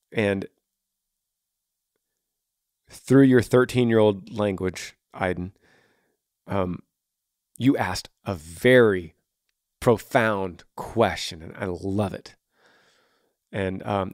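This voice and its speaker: A man's voice: fairly low pitch, dry recording. Earnest man with a dry close sound. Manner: warm, encouraging, reflective with emphatic rises. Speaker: podcast host answering listener questions. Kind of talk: earnest advice-giving podcast talk.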